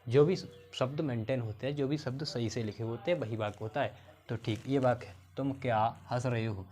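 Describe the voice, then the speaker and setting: A man's voice: medium pitch, darkish tone. A man teaching an English grammar lesson, explaining each step and often checking with his pupils whether they follow. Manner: explains step by step, asks the pupils questions again and again; slows down to spell out words.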